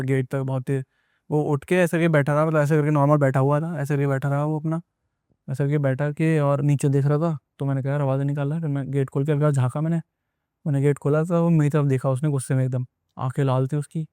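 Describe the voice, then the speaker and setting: Fast-talking young man telling a story. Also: on the high side, dark tone, clear, resonant tone, no room sound, studio quality. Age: young adult. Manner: rambling, repetitive retelling with many asides. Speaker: guest recounting an experience. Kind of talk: casual spoken storytelling.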